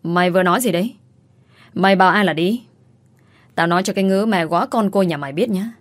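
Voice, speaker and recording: Storybook role: hot-headed mother, loud and blunt, put on by a woman narrator. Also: lowish voice, fast, dry recording, natural voice. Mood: furious. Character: hot-tempered village mother, fiercely protective.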